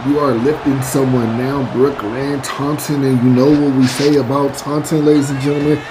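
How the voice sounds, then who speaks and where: A man's voice: medium pitch, little pitch movement, normal speed. A man giving play-by-play wrestling commentary over a video game, addressing listeners in announcer style with stock exclamations. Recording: clear background noise behind the voice.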